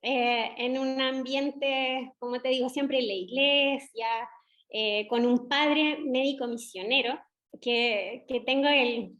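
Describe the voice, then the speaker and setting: A middle-aged woman with a Chilean accent, a doctor speaking as guest in an interview, measured and reflective with pauses. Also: high voice, steady tone, a bit bright. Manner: measured, reflective, frequent hesitations. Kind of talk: conversational interview.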